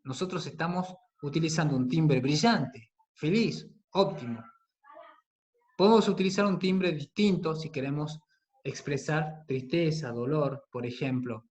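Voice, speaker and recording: A man teaching a class on radio production, speaking slowly and deliberately and often checking in with his listeners. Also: on the high side, a little mellow. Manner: patient, with frequent "¿sí?" and "¿bien?" checks; slow and deliberate on key words, with some fillers.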